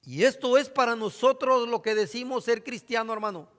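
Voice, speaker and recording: A man preaching a sermon, dropping to hushed asides and then reading scripture out loud with force. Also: very high-pitched, moderate pace. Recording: hall reverb.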